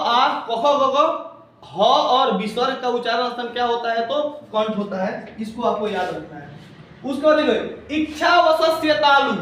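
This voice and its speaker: A man's voice: very high voice, a bit bright, slight background noise. A man teaching a grammar lesson, drilling points over and over with call-and-response questions. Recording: very echoey room, distant mic.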